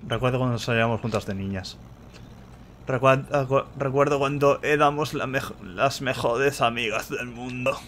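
A man from voicing a drunk, weepy young female cat, talking in a slurred, wobbly, drawn-out way. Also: medium pitch, a bit bright, slight background noise.

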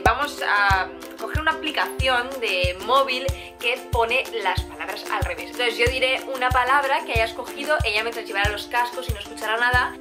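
A woman in her twenties with a Spanish accent from Spain, chatting excitably and casually as host of a challenge video. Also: on the high side. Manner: excitable, giggly. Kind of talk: casual challenge vlog chat. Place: small room indoors. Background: music.

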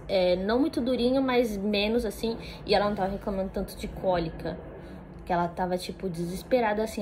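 Speaking straight to the camera from her home, a young female vlogger with a Brazilian Portuguese accent talks at a middle pitch. Her relaxed, casual rambling is full of fillers and restarts.

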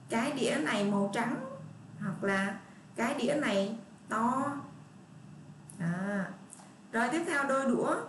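A woman teacher leads young children through a reading lesson, slow and patient, saying each word again and again. Her voice sits a little away from the microphone. The room is echoey, with a faint hiss behind her. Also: fairly high pitch, far from the mic. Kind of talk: online first-grade lesson.

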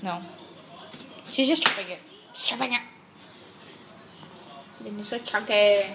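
A woman's voice: medium pitch, a little slow, sharp tone. A young woman chatting casually while cooking and filming in a small home kitchen at night, teasing her friend about how she cuts the food. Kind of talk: casual chat. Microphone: handheld phone camera. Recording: noisy kitchen with sizzling pan.

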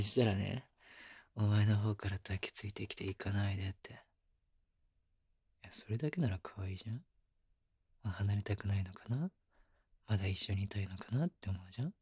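A man acts out a young boyfriend in an intimate audio drama, an ASMR role-play of pillow talk. His voice is very breathy and husky, murmured close to the ear in a dry recording. He sounds adoring and teasing, with casual phrasing. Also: lowish voice, dry recording. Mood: playful, amused. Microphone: close binaural microphone.

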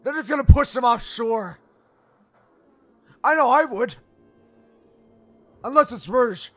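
A man giving casual, joking reaction commentary to an animated video, teasing and quick to exclaim. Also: very high voice, soft background music.

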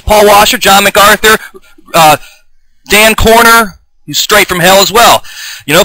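Fired-up man preaching with a high bright voice. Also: dry recording, poor audio. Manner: fired-up, combative, denouncing opponents; frequent restarts and throat clearing. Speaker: self-taught online preacher. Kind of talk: improvised video sermon with scripture reading.

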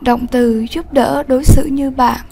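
A woman teacher giving a lesson, explaining slowly, patiently and clearly. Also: high-pitched, fairly even intonation, mellow. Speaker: English teacher. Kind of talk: classroom lesson narration.

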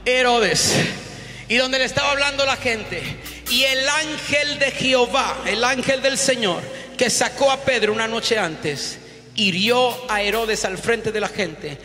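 A woman's voice: on the high side, lively intonation, a little slow, pushed and bright. A woman pastor preaching a sermon in an emphatic way, repeating phrases and calling on the congregation to answer. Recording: long hall reverb with music behind.

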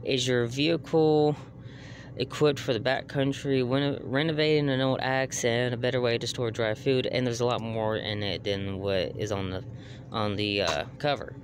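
A man's voice: medium pitch, steady tone, moderate pace. Rambling Texan man filming outdoors at night. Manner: rambling, many fillers, swears casually. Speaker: homesteading vlogger. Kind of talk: casual rambling talk to camera. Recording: outdoor night with clear background noise.

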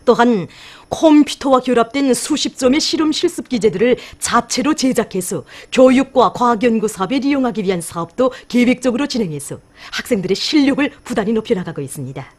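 A woman's voice: fairly high pitch, expressive, fairly quick, few pauses. A woman with a North Korean accent reading formal scripted news narration.

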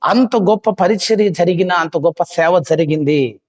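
A man with a high voice preaches to a youth meeting, telling a story with dramatic, impassioned swells. His voice rings out in a hall with long reverb. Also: moderate pace, a little mellow. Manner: dramatic retelling with rising, impassioned cries. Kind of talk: sermon storytelling.

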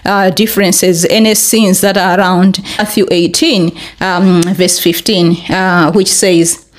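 A young woman from Malawi talking earnestly to camera in a small bright room, with many fillers, her pitch rising when she presses a point. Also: fairly even intonation, slow. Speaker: vlogger. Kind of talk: casual commentary to camera. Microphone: desk podcast mic in front.

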